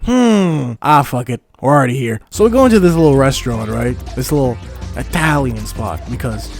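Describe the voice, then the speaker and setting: Young man from Montreal for a comedic animated story-time narrator. Slangy and irreverent, mid-pitched. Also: moderate pace, creaky, soft background music. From Montreal, Canada. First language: English. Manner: casual, crude slang, joking asides.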